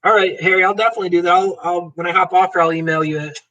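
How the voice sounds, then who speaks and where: A man with a high, fairly even voice talks very fast, his tone pushed and bright, though the recording cuts off the highs. He's a livestream host, chatting loosely and joking while he reads viewers' comments aloud and answers each by name.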